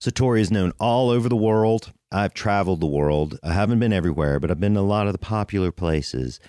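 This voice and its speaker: A man's voice: on the low side, expressive, a little fast, mellow, no room sound, clean studio sound. A man hosting a podcast, giving a casual, rambling introduction monologue with emphatic repetition. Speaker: podcast host.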